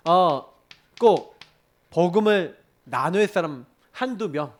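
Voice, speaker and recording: A man's voice: high voice, takes it slowly. A man preaching a sermon as pastor, telling stories and acting out prayers and complaints in quoted voices. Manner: animated storytelling preacher, acts out quoted prayers and arguments.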